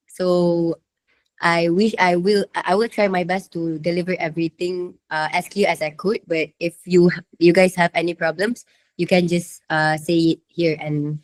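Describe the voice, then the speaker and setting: A young woman with a Malaysian accent, sick with a sore throat and fever, giving a hesitant, informal slide presentation as a student. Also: fairly low pitch. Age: young adult.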